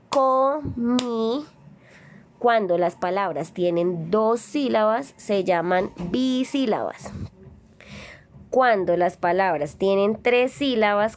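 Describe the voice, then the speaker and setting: Slow, patient woman teacher. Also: mid-range voice, darkish tone, a little hiss or hum. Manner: slow, patient, stretches out syllables to demonstrate. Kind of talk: recorded Spanish lesson for children.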